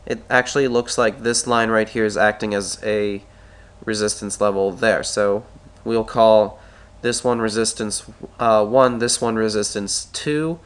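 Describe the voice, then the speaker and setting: With a fairly low, creaky and slightly bright voice, a stock market analyst talks through a screen-recorded chart tutorial. He's stuffy from a head cold and clears his throat, thinking aloud and repeatedly correcting himself as he draws.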